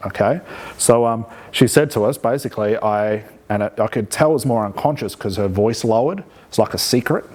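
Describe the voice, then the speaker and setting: Male instructor, lowish voice, conversational teaching delivery with frequent check-in questions. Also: fairly quick, darkish tone. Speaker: hypnosis instructor. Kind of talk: live teaching demonstration with commentary.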